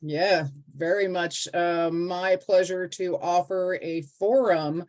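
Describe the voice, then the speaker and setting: A woman hosting an interview, speaking in an unhurried way with many fillers. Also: fairly low pitch, steady tone, a little mellow. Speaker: host. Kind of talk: interview conversation.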